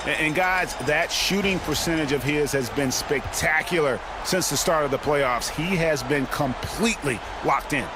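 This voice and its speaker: A man playing a color commentator in a basketball video game, giving conversational, admiring analysis over loud music. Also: fairly high pitch, normal speed, few pauses, background noise, close to an everyday voice.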